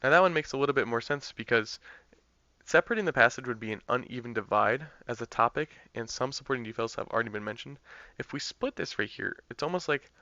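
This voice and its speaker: Male tutor, bright forward voice, casual step-by-step explainer, dry slightly dull recording. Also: mid-range voice, fast, no room sound. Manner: conversational, thinking aloud with fillers and restarts. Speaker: test prep tutor. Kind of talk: explaining practice test answers.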